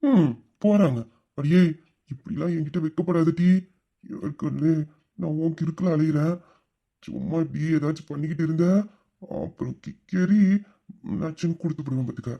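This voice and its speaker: A man voicing a doting young husband in a romantic audio drama, swinging from playful bluster to soft tenderness. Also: fairly high pitch, normal speed, vocal fry, long pauses. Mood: playful teasing. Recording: dull, lo-fi recording.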